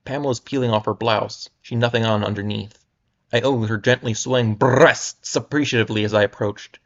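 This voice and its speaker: A man's voice: medium pitch, fairly even intonation, a little fast. A young man casually reading a pulp novel aloud on a livestream, with wry asides and stumbles, in muffled lo-fi audio. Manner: wry, amused, stumbles over words. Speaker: livestream reader.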